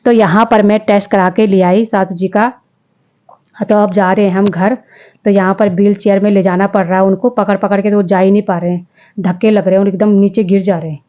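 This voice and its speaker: A woman's voice: medium pitch, fairly even intonation, a little fast, dark tone, dull audio. A young woman vlogger chatting through her daily chores in a casual voice-over, often repeating herself and quoting her family.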